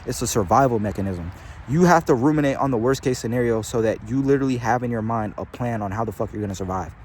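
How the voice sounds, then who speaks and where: A man's voice: medium pitch, quick pace, darkish tone. A young man giving a rambling, slangy spiritual pep talk to his viewers, swearing constantly and calling them bro and gang. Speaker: spiritual channeler vlogger. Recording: faint outdoor traffic noise.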